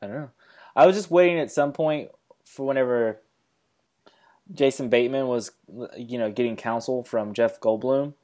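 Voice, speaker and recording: A man's voice: mid-range voice, normal speed, darkish tone. A man co-hosting a casual movie-review podcast, teasing and rambling with restarts. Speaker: podcast co-host.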